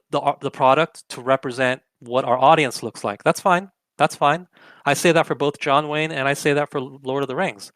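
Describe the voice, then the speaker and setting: Emphatic arguments and frequent rhetorical questions come from a young adult host of an opinionated political commentary show. His medium-pitched voice has a fairly bright tone, and there's no echo.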